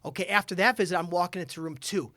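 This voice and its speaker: A man, a chiropractor, talking as a guest in a casual podcast chat, energetic and full of stories. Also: high-pitched, fast talker, dry recording, studio quality. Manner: energetic storyteller.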